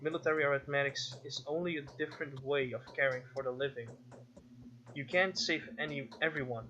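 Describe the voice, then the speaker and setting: A man's voice: a little high, sharp tone. A man casually commenting on a game he plays, reading its text aloud and musing to himself with restarts and self-corrections. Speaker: gaming video host. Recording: slightly dull lo-fi audio with faint game music.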